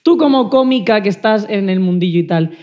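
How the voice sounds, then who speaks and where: A woman's voice: mid-range voice, lively intonation, fairly quick, a little mellow, highs cut off. A woman co-hosting a podcast, asking playful, teasing questions in casual chat. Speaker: podcast co-host.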